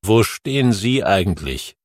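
Nervous old countryman, husky and insistent; a male reader voices him in an audiobook. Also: fairly low pitch, very animated, measured pace, no room sound. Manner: agitated, insistent. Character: wary old male farmer, nervous host. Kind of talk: audiobook reading.

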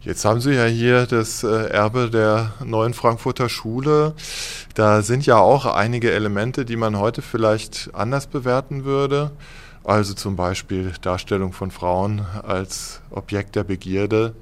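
Male interviewer, fairly low voice, probing tone. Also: fairly even intonation, a little slow, clean tone. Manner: probing, slightly provocative. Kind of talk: interview questions.

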